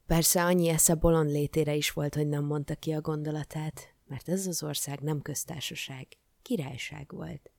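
A woman reading a children's fairy tale aloud in a lively, playful way. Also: low-pitched, vocal fry, hardly any pauses, no echo, studio quality. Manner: expressive, playful. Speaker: storybook reader. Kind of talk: lively storybook narration.

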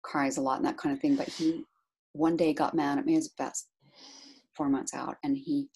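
A middle-aged woman talking about being a caregiver, chatty and animated, laughing often as she tells a story. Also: deep voice, moderate pace, vocal fry, slightly rough. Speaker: guest, caregiver to her husband. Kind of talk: casual interview storytelling.

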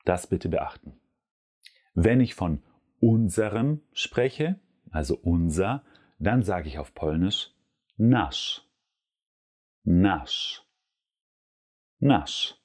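Slow, deep-voiced man teaching words. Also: expressive, a little mellow, husky. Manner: slow, careful, repeats words for pronunciation. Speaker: language teacher. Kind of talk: podcast language lesson.

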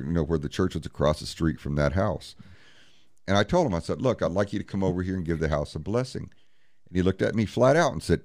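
In a studio-quality recording with no room sound, a man with a low, slightly mellow voice recounts a story in an interview. He's a paranormal investigator who curses freely and acts out every back-and-forth bluntly, using "he goes" and "I said."

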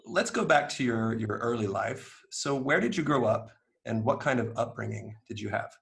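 Gravelly-voiced male podcast host. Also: mid-range voice, expressive, moderate pace, fairly bright tone. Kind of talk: interview podcast.

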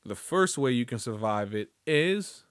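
A man's voice: mid-range voice, lively intonation, a little slow, smooth, no room sound, clean studio sound. A man hosting his own podcast, rambling loosely with lots of swearing and jokes. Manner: rambling, profane, loose and joking. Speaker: podcast host. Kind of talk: casual solo podcast monologue.

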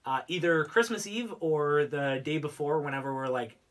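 Expressive and fairly bright, a man with a fairly high voice co-hosts a casual podcast at a moderate pace, though his phrasing stays hesitant and full of likes and ums. He records in a podcast studio, slightly away from the microphone.

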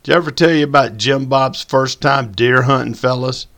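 A man's voice: mid-range voice, normal speed, a bit bright, voice pushed up, natural voice. A man voicing an older male storyteller, drawling and mocking. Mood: teasing. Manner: drawling yarn-spinner, mocking. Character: older Southern man, teasing hunting storyteller.

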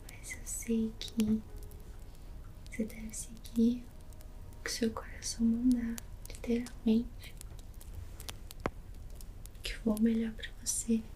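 A Brazilian woman doing a whispered role-play as a massage therapist, soothing and gently guiding in a soft, breathy whisper. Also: fairly high pitch, slight background noise, low-quality recording. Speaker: ASMR performer playing a massage therapist.

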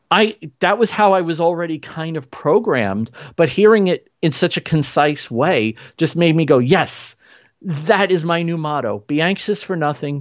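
A man's voice: fairly high pitch, no echo, highs cut off. A man talking in an earnest, motivational way in a casual podcast conversation, driving points home with repetition. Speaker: podcast guest.

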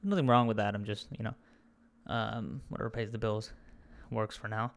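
A young man from India, whose accent blends British, Australian and American, appears as a guest in a casual conversational podcast interview. His voice is lowish, gravelly and fairly even in intonation, and he speaks at a moderate pace, reflective and candid as he searches for words.

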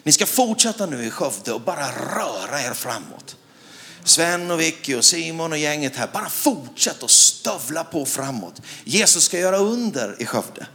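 A middle-aged Swedish man preaching a sermon, telling a personal story with animated delivery, rising to loud shouts and asking the crowd questions. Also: on the high side.

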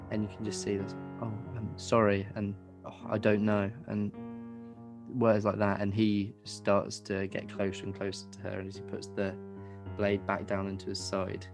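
A man running a tabletop game, chatty and quick to laugh, dropping to a hush when the scene turns tense. His voice sits low, and faint guitar music plays underneath. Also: vocal fry. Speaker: game master.

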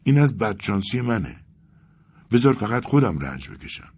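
A man's voice: fairly low pitch, sing-song, a little mellow, breathy edge, pitched above the performer's own voice. A man voicing a frail, anxious young clerk who is breaking down, speaking in a pleading, tremulous way.

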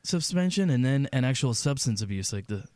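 A man's voice: mid-range voice, expressive, fairly quick, darkish tone, no echo. A man on a sports show panel, bantering casually in slangy, bro-ish talk.

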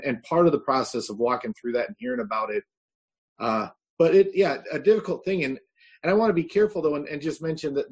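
A man with a Chicago accent, a pastor speaking as a podcast guest, halting and repeating words as he thinks. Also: medium pitch, breathy edge. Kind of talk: casual interview talk.

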